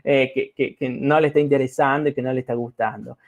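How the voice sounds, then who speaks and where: A man's voice: medium pitch, steady tone, fast talker, a little mellow. A man lecturing to students in a reflective way, often checking in with his listeners, with an Argentine Spanish accent. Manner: reflective, addresses listeners with frequent "¿no?" and fillers. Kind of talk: recorded talk to students.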